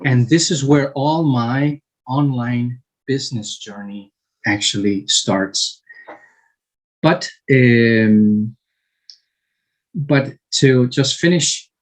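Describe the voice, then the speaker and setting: Guest in his fifties, from Chile; slow, halting answers, middle pitch. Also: low-quality recording. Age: 50s. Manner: slow, halting, many fillers and restarts. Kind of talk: interview answers.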